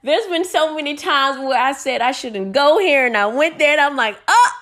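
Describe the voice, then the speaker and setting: A woman's voice: high voice, normal speed, fairly bright tone. A young American woman hosting a casual solo podcast, talking frankly and energetically with plenty of profanity. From United States. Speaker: podcast host.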